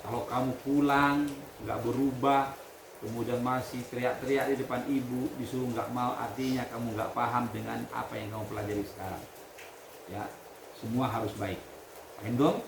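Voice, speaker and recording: A man leading a religious lesson for students, reading Arabic text, explaining it and quizzing his class in a lively way. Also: medium pitch, moderate pace, creaky. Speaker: pesantren leader teaching students. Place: hall at a pesantren. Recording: echoey room with background noise.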